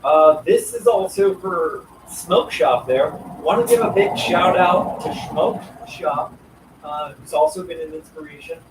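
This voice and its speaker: A man hosting a casual live stream, rambling through upbeat shout-outs to his viewers. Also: fairly high pitch, a little slow. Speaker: livestream host. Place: roadside station, partly outdoors. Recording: roomy, distant, noisy live stream.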